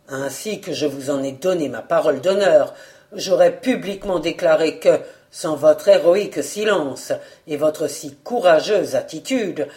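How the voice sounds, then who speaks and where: Brief: shrewd, warm detective, emphatic and confident, voiced by the book's reader. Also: mid-range voice, natural voice. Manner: assured, fatherly, emphatic. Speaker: detective in a novel. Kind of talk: audiobook character reading.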